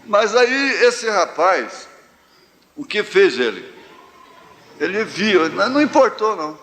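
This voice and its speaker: A Brazilian pastor preaching a live sermon, telling homespun stories with slow, drawn-out phrases. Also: male voice, high-pitched, big pitch swings, a bit bright. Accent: Brazilian Portuguese, central-west. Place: large church hall. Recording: live church hall reverb, faint ambience.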